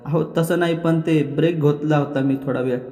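A man's voice: fairly high pitch, fairly even intonation, moderate pace, mellow, roomy sound, in a large hall, soft background music, natural voice. A man voicing a pleading sulky young wife. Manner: pleading, tearful tone.

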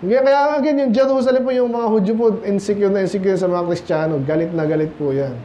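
A man's voice: high-pitched, quick pace, dark tone, a little hiss or hum. A Filipino man preaching a sermon as pastor, switching between Tagalog and English and firing rhetorical questions at the congregation. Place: church.

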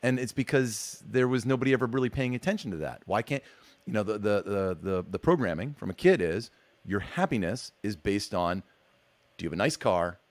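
A male podcast host with a very low voice, recorded close and dry with no room sound. He talks in a relaxed, casual way, often stacking short phrases and restarting his sentences. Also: fairly quick, no echo. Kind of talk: casual interview conversation.

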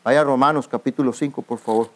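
At an outdoor youth camp gathering, a male pastor preaches a sermon in a medium-pitched voice with fairly even intonation and a quick pace. He often calls listeners "brother" and calls out to the congregation for their answers.

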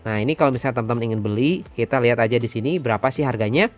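A man's voice: mid-range voice, rapid-fire. Casual man presenting a tutorial. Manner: informal, addresses viewers as friends.

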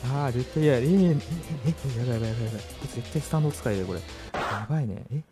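A young man commentating a horror game, reading the text aloud and reacting with frequent high, loud panicked yelps. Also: racing, over music. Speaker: virtual YouTuber streamer. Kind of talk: game let's play commentary.

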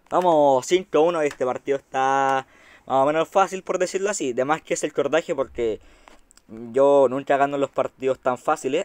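Chilean guy, higher voice, dry close sound, excitable game commentary, casual swearing. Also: no room sound. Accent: Chilean Spanish. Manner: excitable, chatty, swears casually, talks to viewers. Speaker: gaming YouTuber.

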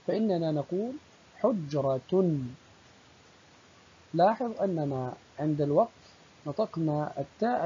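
A primary school teacher giving a recorded lesson, speaking slowly and deliberately and stretching out the example words. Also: mid-range voice, mellow, slightly rough. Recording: dull lo-fi recording.

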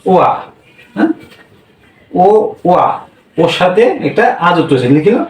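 A man's voice: high-pitched, very animated, moderate pace, roomy sound, recorded from a distance, rough recording. A man teaching a language class, drilling sounds with repeated questions. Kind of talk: classroom lesson.

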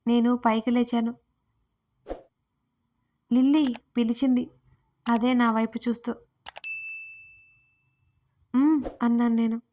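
A woman narrating a first-person comic audio story and playing her own part in lively, dramatic fashion. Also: fairly high pitch, a little slow, long pauses, a little hiss or hum. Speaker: writer and narrator.

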